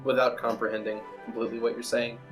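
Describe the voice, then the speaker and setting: Guy game master narrating, casual and halting, medium pitch, light music behind him. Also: little pitch movement. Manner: halting, conversational, piecing descriptions together. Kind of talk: improvised tabletop game narration.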